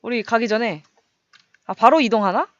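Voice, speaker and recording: A young woman casually commenting on her gameplay, chatty and excitable, making little sound effects as she fights. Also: fairly high pitch, moderate pace, no room sound, highs cut off. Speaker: game streamer.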